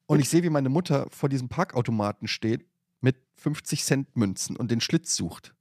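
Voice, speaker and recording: A man, hosting a podcast and telling a long, animated anecdote in casual chat. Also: medium pitch, normal speed, dry recording. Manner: animated anecdote-telling, voices his mother. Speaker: podcast host.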